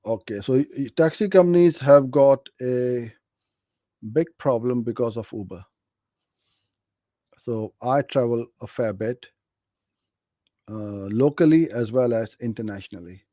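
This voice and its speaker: A middle-aged Pakistani man hosts a live Q&A on online advertising, answering viewer questions with practical advice in a friendly, direct way. His medium-pitched voice has a dark tone and comes a little slowly, with long pauses. There's no room sound.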